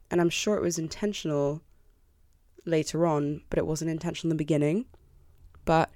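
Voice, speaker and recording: Female podcast host, early 20s. Mellow and deep, self-deprecating and candid, recorded close and dry. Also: no echo. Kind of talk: confessional solo podcast talk. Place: bedroom. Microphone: close podcast microphone.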